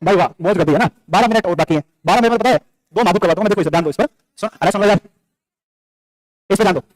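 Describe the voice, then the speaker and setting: A male teacher with a high-pitched, rapid-fire voice delivers a classroom lecture. He fires off questions and answers them himself, drilling facts through repetition, and scolds and jokes with the students in between.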